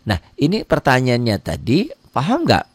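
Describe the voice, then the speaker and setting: A middle-aged man teaches Quran reading in a live online lesson, casual and chatty, answering viewer comments and acting out little dialogues. He sounds a bit tired, his pitch swings hugely and jumps quickly, and the studio-quality audio has no room sound.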